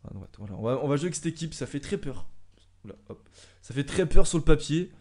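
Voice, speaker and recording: A young man commentating his own soccer video game match, swinging from calm musing to loud excited shouts when the action heats up. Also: on the high side, quick pace. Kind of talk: excited let's-play commentary.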